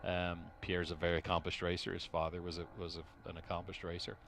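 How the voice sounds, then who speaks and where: Speaking in an Irish accent, this middle-aged racing team executive from Dublin sits low and monotone, though his tone is fairly bright. As a guest in a casual race-track interview, he hesitates, restarts sentences frequently and leans on fillers, while faint track noise runs underneath.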